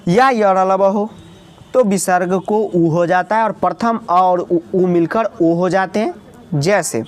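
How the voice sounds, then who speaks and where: A man's voice: sits high, a little hiss or hum. A male teacher explaining grammar step by step, often calling out to his students, repeating himself and correcting his own slips.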